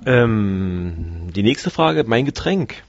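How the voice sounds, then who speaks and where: A man's voice: on the low side, big pitch swings, very slow, creaky, dry recording, muffled recording. A man talking through a voice morphing filter, trading dry teasing jokes in a casual podcast chat.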